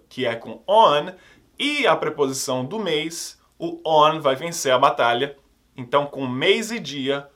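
Man, English teacher, bright tone, mid-high voice, quick talk, clear drills. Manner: drills words slowly for students to repeat; explains quickly in a lively, upbeat way. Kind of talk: online English lesson for Portuguese speakers.

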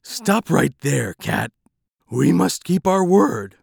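Guy doing a gravelly loud mutt dog, gruff and scruffy, swings his pitch around. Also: big pitch swings, slow, dry recording, studio quality, heavily acted. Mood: bossy. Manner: loud and barking.

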